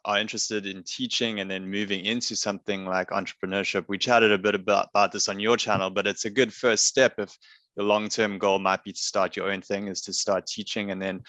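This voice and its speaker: A man hosting a casual interview, chatting in a relaxed, easygoing way with plenty of "like" and "you know". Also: on the low side, brisk, no echo. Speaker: interview host. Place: coastal city in Vietnam.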